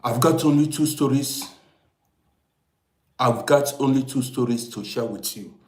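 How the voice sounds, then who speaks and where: At a measured pace and in a mid-range voice, a man of fifty-eight from Vienna hosts an informal livestream and tells stories. He speaks emphatically to viewers, insistently repeating phrases, with echoey room sound in the recording.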